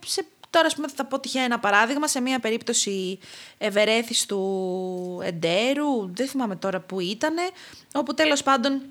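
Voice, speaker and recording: A young woman speaks with a fairly high voice, recounting stories about her clients with animated exasperation. She talks casually as a podcast guest and often slips into quick imitations of the people she describes. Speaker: clinical dietitian, podcast guest.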